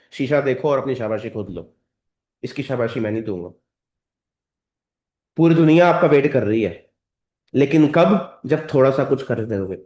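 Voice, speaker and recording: A man's voice: on the high side, darkish tone. Man giving a rousing training talk. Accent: Indian. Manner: direct, lecturing, addresses audience as sir and madam. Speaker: motivational trainer. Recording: roomy echoey hall.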